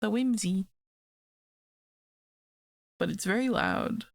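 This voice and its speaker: A young woman streamer with a raspy voice from being sick, chatting casually and laid-back while she draws. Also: medium pitch, lively intonation, slow, dry recording. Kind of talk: casual chat while drawing.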